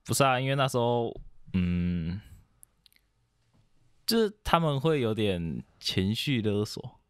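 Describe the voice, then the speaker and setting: A man's voice: medium pitch, animated, takes it slowly, clear, resonant tone, dry recording, studio quality. A young man from Taiwan talking casually as a podcast guest, rambling and hesitant, with many fillers and restarts. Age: young adult. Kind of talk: casual chat.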